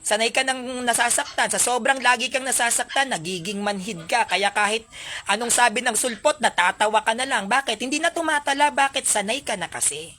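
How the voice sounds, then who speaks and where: A woman with a bright, fairly high voice gives an animated, sermon-like talk to her online followers. She lectures and mocks by turns, slipping English phrases into her speech. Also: brisk, a little hiss or hum. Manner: animated, preachy, mocking asides. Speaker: online content creator. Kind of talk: casual livestream monologue.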